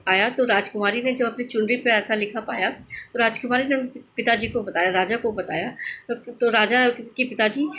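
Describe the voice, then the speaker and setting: A woman telling a devotional folk tale in a plain, homely way, with pauses and restarts. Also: a little high, fairly bright tone, a little hiss or hum.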